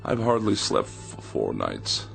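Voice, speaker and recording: A man's voice: lowish voice, wildly swooping pitch, takes it slowly, vocal fry, soft background music, exaggerated voice. A man acting in a radio drama as a haughty, fussy gourmet writer, wordy and emphatic, lonely and fearful underneath. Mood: anxious, weary.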